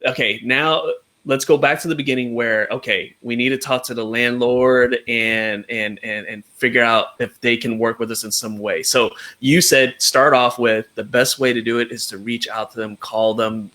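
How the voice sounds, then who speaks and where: A man hosting a video-call interview, his bright, forceful voice full of quick restarts. His audio keeps cutting out, so the volume rises and drops unevenly. The line sounds like a shaky internet connection. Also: medium pitch. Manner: energetic, stumbling restarts. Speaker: host.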